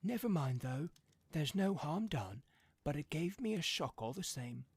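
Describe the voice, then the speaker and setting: A man acts out an excitable old father from an audiobook. His voice is thin and husky, pitched up and dry, and he speaks with agitated, stubborn insistence. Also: a little slow, no room sound, full character voice. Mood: earnest. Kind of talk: audiobook character voice.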